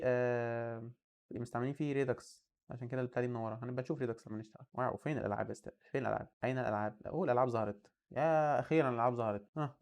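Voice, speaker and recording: A man in his twenties who hosts a coding channel speaks with an Egyptian Arabic accent in a medium-pitched, slightly mellow voice. During a casual screen-share, he chats and thinks aloud while browsing and commenting on what he sees.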